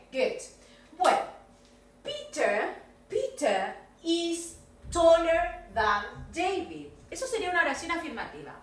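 A woman English teacher with a Rioplatense Spanish accent, giving a recorded video lesson to children, lively and coaxing, modelling English phrases slowly. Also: high-pitched. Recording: echoey room, voice far from the mic.

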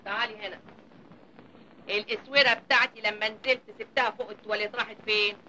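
An actress playing a scheming, spiteful wife who bullies her maid, with shrill, scolding speech in 1950s Egyptian film style. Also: steady tone, quick pace, sharp tone, slight background noise, lightly acted, low-quality recording. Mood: furious.

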